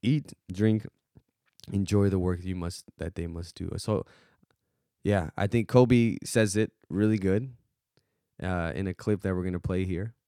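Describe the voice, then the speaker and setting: A man's voice: low-pitched, unhurried, dark tone, no room sound, studio quality. A man hosting a podcast, talking earnestly and emotionally about faith and loss in a casual chat. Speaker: podcast host.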